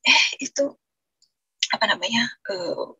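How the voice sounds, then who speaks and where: A woman's voice: fairly high pitch, animated, a little slow, pushed and bright, breathy edge, dry recording, low-quality recording. A woman, earnestly telling her personal testimony in a rambling way, often restarting her sentences. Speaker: guest giving a testimony.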